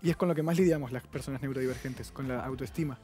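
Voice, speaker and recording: A man's voice: medium pitch, dark tone, soft background music. A man in his twenties with a Rioplatense Spanish accent, earnestly telling his own story as a guest on a TV talk show. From Argentina. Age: 20s. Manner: earnest, rapid, reflective. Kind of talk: personal account on a TV talk show.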